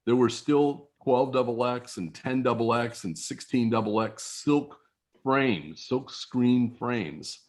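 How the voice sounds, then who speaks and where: A man in his sixties, a guest telling technical stories from his long career in a relaxed way over a video call. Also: mid-range voice, slow. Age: 60s. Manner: relaxed storyteller, technical and anecdotal. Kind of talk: casual chat.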